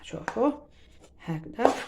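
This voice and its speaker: A woman's voice: measured pace, darkish tone, slight background noise. A woman with an Algerian Arabic accent gives a chatty home cooking demonstration, talking straight to her viewers and mixing in French words. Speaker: cooking show host.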